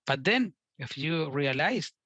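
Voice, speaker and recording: Halting Chilean-born man giving a talk. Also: on the high side, lively intonation, bright, forceful tone, husky, no echo. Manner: halting, repeats words, non-native phrasing. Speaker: invited speaker. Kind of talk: conference talk.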